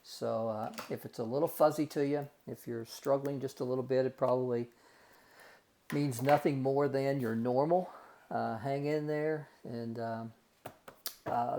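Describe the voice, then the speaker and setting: Speaking at a measured pace, a man with a creaky, dark, medium-pitched voice teaches math on a recording. He works through each calculation step by step in a folksy way, addressing his students as "guys" and "gang."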